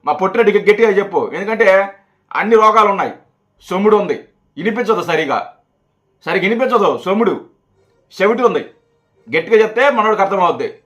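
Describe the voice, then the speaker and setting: A man's voice: high-pitched, animated, quick pace, pauses often, fairly bright tone. A man giving heated, mocking political commentary on a video channel. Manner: mocking, scolding, repetitive.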